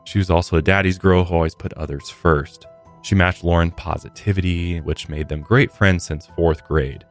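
This true crime podcast is hosted by an American man whose voice sits low, his tone steady and pace moderate. Somber throughout, he alternates between scripted storytelling and casual remarks, with faint background music.

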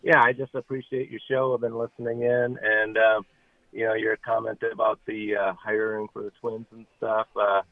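A man calling a radio show from his car speakerphone while driving, talking haltingly with lots of "uh" and sounding grateful. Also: lowish voice, level tone, no room sound. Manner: halting, many "uh" fillers, grateful. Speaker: radio call-in listener. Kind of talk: casual call-in chat. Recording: tinny dry phone line.

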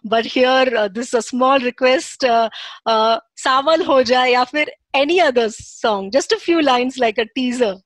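A woman's voice: sits high, moderate pace, rough recording. A woman with a North Indian accent hosting a casual interview, effusive and slipping between English and Hindi. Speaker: podcast host.

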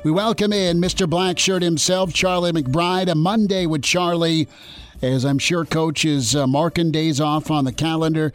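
A man's voice: on the high side, fairly even intonation, soft background music. A man hosting a sports talk radio show, upbeat and conversational as he welcomes a guest. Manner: upbeat, conversational, quick asides. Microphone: studio mic, dry.

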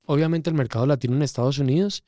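A man's voice: fairly high pitch, racing, dry recording. Colombian man, casting director guest. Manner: expressive, acts out quoted people. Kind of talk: casual interview.

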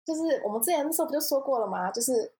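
A woman's voice: high voice, expressive, very fast, warm tone. A young woman, co-hosting a podcast, talking in a rambling, hesitant way with many restarts. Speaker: podcast co-host, social media manager. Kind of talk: casual chat.

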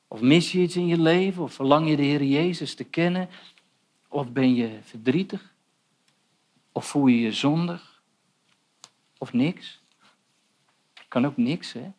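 A man preaching a sermon in an earnest, pleading way, speaking directly to young listeners. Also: a little high.

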